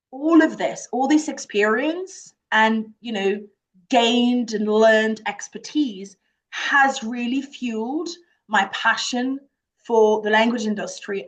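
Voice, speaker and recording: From her office, a woman from the Jura region of France earnestly presents a children's language summer camp to parents. She speaks with a French accent in a voice on the high side, and the recording is rough.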